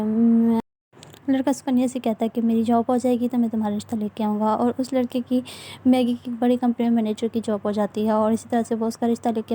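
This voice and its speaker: A woman narrates a family moral story in a steady, plain manner. Her voice is very dark and mellow, slightly high, with little rise and fall. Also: slight background noise. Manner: plain, even retelling.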